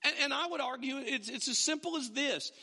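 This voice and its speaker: A man preaching a sermon to his congregation in a church, animated and often restarting his words. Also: very high-pitched, a little fast, in a large hall. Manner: animated, with frequent stammered restarts. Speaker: pastor. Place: church sanctuary.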